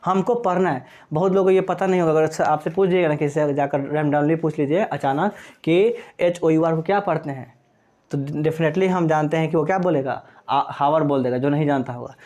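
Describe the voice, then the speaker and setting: Fairly quick and fairly high in pitch, with a darkish tone, a man lectures on English grammar in Hindi as if in a classroom. He answers his own questions and spells words letter by letter.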